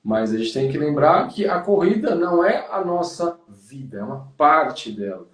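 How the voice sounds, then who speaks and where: A man with a Brazilian Portuguese accent, a podcast host and running coach, chats casually in a motivational, encouraging way and calls the listener "cara." His voice sits on the high side and is sing-song at a moderate pace, recorded in an echoey room on a distant mic.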